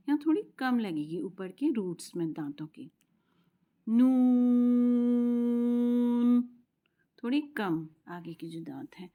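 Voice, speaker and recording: A woman teaching Quran pronunciation, explaining patiently and slowly modelling each letter sound, sometimes dropping to a soft whisper. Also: mid-range voice. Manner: drops to a soft whisper at times. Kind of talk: tajweed lesson.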